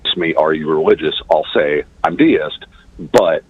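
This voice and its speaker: A man calling in to a show, speaking in a halting, hesitant way while his call audio glitches and clips the starts and ends of his words. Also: a bass voice, breathy edge, dull audio. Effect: glitchy call audio, starts and ends of words cut out. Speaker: caller. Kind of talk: casual call-in conversation.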